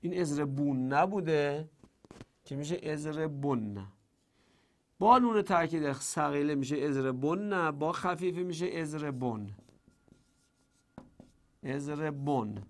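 A man teaching a grammar lesson, explaining word forms step by step, repeating examples slowly and answering his own questions. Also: a little high, expressive. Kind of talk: classroom lecture.

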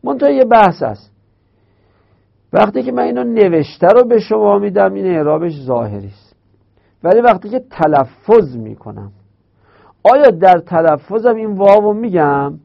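A man teaching a grammar lesson in speech, explaining step by step and slowly repeating key terms. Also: high-pitched, sing-song, creaky. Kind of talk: Arabic grammar lecture. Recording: dull lo-fi recording.

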